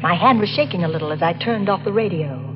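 In the style of a tense 1940s radio drama, a woman plays a nervous young woman driving alone at night, narrating breathlessly in first person as the lead actress. Her natural voice is lowish and fast. The recording sounds dull and old, with music.

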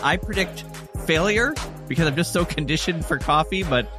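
A man's voice: fairly high pitch, expressive, normal speed, music in the background. A man hosting a news podcast, delivering scripted reports and casual asides as a presenter.

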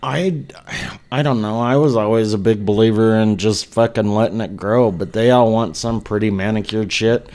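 A man's voice: on the low side, normal speed, a little mellow. A man co-hosting a podcast, talking in a laid-back, casual way and swearing freely. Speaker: podcast co-host.

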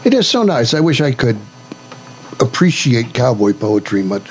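A man co-hosting a casual talk show, chatting in a halting, offhand way. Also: medium pitch, sing-song. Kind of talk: casual chat. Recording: dull lo-fi audio with faint noise.

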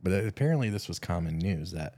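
A man's voice: low voice, expressive, quick pace, mellow, husky, no echo. A man co-hosting a podcast, tired after a red-eye flight, chatting casually and telling rambling stories with many restarts. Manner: laid-back storyteller, frequent restarts. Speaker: podcast co-host. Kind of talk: casual chat.

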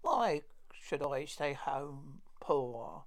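A man voicing a greedy, reckless young man, demanding and halting, in a dramatic storybook reading. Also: fairly high pitch, very animated, exaggerated voice. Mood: resentful.

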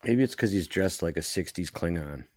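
A man with a low, deep voice banters on a fan podcast, joking and circling back with lots of "like". The recording is dry and close, with no room around him. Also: lively intonation, moderate pace, darkish tone, no room sound. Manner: jokey, chatty, lots of "like" and restarts. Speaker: podcast co-host. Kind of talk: casual chat.

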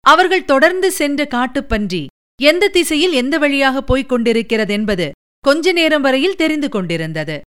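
A woman narrating an audiobook of a historical novel in an even, measured storytelling manner. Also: high-pitched.

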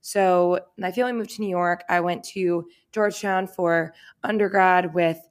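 A woman's voice: on the low side, steady tone, moderate pace. A woman in her twenties from Boston co-hosting a podcast, upbeat and chatty with plenty of "like". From Boston, USA. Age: 20s. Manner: upbeat, chatty, says "like" often. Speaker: podcast co-host. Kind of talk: casual podcast chat.

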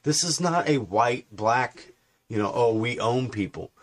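A man in his fifties co-hosting a casual opinion chat, sarcastic and quick to mock. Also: mid-range voice, lively intonation. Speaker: podcast co-host.

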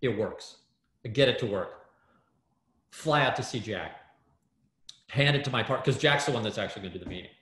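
A man, a guest in an interview, telling a story in an animated way with many fillers and restarts over a video call. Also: fairly low pitch, brisk, pauses often. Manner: excitable, lots of fillers and restarts. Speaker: guest, startup hardware builder. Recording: roomy echo.

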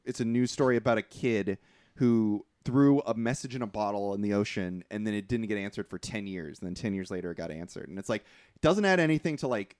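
A man's voice: lowish voice, a little fast, clear, resonant tone, no echo. Chill guy on a podcast mic, swears a lot, dry close sound. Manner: relaxed, swears freely, trails off in filler. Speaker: podcast co-host. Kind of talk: casual chat.

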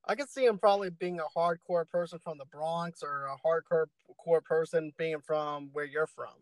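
A man with a Boston accent co-hosting a casual podcast, animated and quick to laugh. His voice sits notably high for a man. The sound is dry and close. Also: no echo, poor audio. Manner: animated, laughs often, slips into put-on voices. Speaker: podcast co-host. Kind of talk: casual chat.

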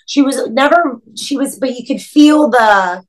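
A woman who is a podcast guest, speaking gently and thoughtfully, with some hesitation. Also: sits high, measured pace, low-quality recording. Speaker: podcast guest, restaurant co-owner. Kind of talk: casual chat.

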